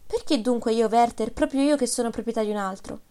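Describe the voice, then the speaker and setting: A woman's voice: on the high side, fast, warm tone, clean tone, lightly acted. Earnest, pleading young woman , read by a woman.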